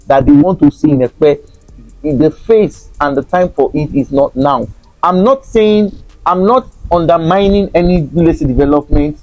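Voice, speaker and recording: A man's voice: a little high, dark tone, no echo, dull audio. A Nigerian man, a real estate consultant, talking to camera in a frank, teasing way and chuckling often. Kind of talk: casual talk to camera.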